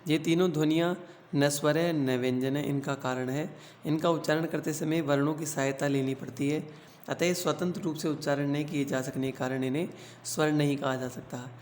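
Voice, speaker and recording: A man teaching a grammar lesson to schoolchildren. He explains slowly, asks the class questions and then answers them himself. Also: on the high side, fairly even intonation, darkish tone. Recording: echoey room with faint hum.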